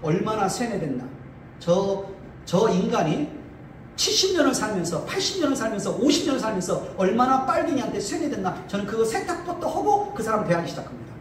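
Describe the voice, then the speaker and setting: In a lecture hall, a male pastor from Chungcheong, Korea, gives a combative political talk, firing off rhetorical questions and repeating phrases for emphasis. His high voice moves briskly with big swings in pitch. A distant mic captures the echoey hall and faint noise.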